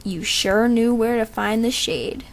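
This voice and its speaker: A woman reading lines as a gentle young male bulldog puppy, soft-spoken and grateful. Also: a little high, unhurried, rough recording.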